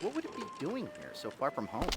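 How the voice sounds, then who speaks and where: A man's voice: a little high, wildly swooping pitch, fairly quick, vocal fry, heavy background noise, heavily acted. An actor playing a young male time-travel agent who speaks in a dry, polite and lightly sarcastic way.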